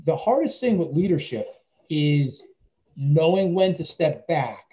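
Male teacher, somewhat high-pitched, loose rambling anecdotes, dull low-fidelity recording. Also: lively intonation, unhurried, slight background noise. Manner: rambling, full of "you know" and restarts. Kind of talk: casual storytelling interview.

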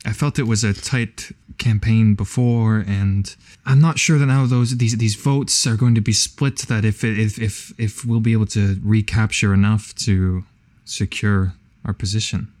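A man's voice: on the low side, steady tone, unhurried, a little mellow, no echo, studio quality, natural voice. A man doing a formal, self-serious teen girl advisor. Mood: worried. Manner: formal, grandiose, hesitant phrasing.

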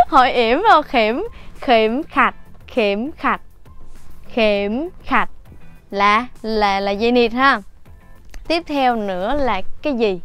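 A woman teaches vocabulary in a chatty way, often correcting herself. She repeats each word slowly in a smooth, clear voice. Soft music plays behind her. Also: a little high. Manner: slow repetition of words for learners. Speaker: language teacher. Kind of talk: casual vocabulary lesson.

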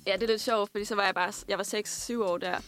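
With faint music in the background, a Danish woman who sings, writes songs and plays piano responds to interview questions as a guest musician. Her medium-pitched voice is steady and slightly bright, and she speaks casually and reflectively, groping her way through each sentence.

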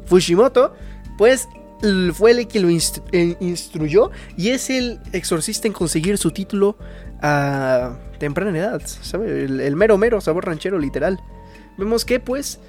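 A young Mexican man talks in a high, slangy ramble as he recaps a story in casual chat. He cuts in with loose asides, and faint music plays under his voice. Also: animated, unhurried, darkish tone. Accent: Mexican Spanish. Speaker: podcast co-host recapping anime.

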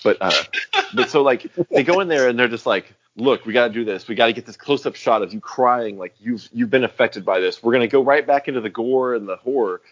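Talking a little fast in a medium-pitched voice, this man co-hosts a podcast in loose chat, wandering off on tangents and cursing a lot as he performs lines. The audio sounds dull.

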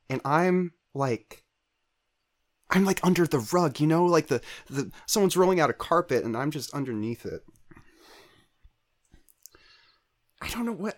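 A player doing a flustered, rambling bird. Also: mid-range voice. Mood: gloomy. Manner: hesitant, rambling, many fillers. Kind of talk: playing a character in a tabletop game.

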